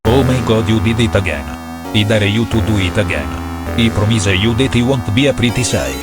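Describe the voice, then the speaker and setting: A man's voice: on the low side, expressive, moderate pace, over loud music, lightly acted. A man voicing a smug male computer virus villain who taunts and makes escalating threats in a comedy skit. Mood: menacing.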